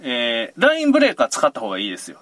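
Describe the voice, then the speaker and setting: A man who runs a fishing charter boat, chatting casually on a podcast and explaining tips in a relaxed regional dialect. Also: medium pitch, very fast, no room sound.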